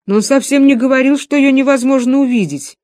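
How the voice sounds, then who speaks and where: A woman voicing a serious, earnest village boy who speaks gravely and defends his ideas, read out in an audiobook. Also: medium pitch, moderate pace, dark tone, no room sound, clean studio sound, lightly acted.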